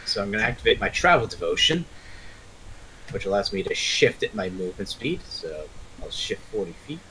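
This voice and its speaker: Low, bright young man talking through rolls. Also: big pitch swings, a little fast, a little hiss or hum, poor audio. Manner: works through dice rolls out loud. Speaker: player. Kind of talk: casual tabletop game chat.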